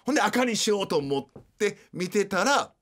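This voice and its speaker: A man's voice: sits high, big pitch swings, moderate pace, a bit bright. A man with a Kansai accent, hosting a radio show and animatedly retelling scenes in casual storytelling. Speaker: radio host.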